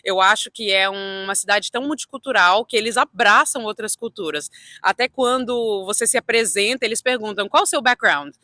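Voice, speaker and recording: A young real estate agent from Toronto, Canada, with a Brazilian Portuguese accent, chats casually and shares anecdotes as an interview guest. Her medium-pitched voice is pushed and bright at a moderate pace, captured in clean studio sound without echo.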